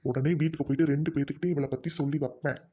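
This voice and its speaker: A man's voice: on the high side, fairly even intonation, rapid-fire, warm tone, slightly rough. A man voicing a stern, traditional young village man in a cartoon, speaking in a firm, lecturing tone.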